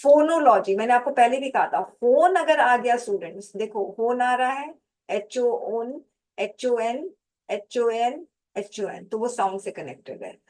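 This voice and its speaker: A woman with a somewhat high voice gives a classroom-style lecture to exam students. She speaks slowly and deliberately, and she repeats words and spells them out letter by letter. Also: expressive, a little mellow, low-quality recording. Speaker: English teacher for competitive exams. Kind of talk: slow classroom lecture, mixing Hindi and English.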